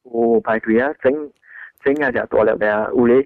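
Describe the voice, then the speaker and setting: A man's voice: medium pitch, fairly even intonation, fairly quick, no room sound. Man chatting over phone-like radio audio. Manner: laughing reminiscing, mixing dialects and languages. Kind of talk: casual chat.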